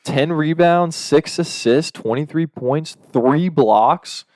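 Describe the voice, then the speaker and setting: A man's voice: on the high side, slow pace, dry recording, clean studio sound. Young man in casual sports chat, swearing. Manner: swears freely, excitable, quotes stats. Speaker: podcast co-host.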